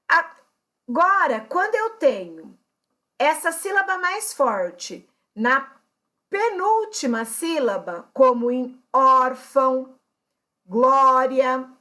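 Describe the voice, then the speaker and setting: A woman teacher takes her students through a grammar lesson with a high voice. She talks slowly and patiently, pausing to check that everyone is following. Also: fairly bright tone. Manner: patient, explains step by step, checks in with "tá?"; addresses students as brothers and sisters. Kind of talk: recorded Portuguese grammar lesson.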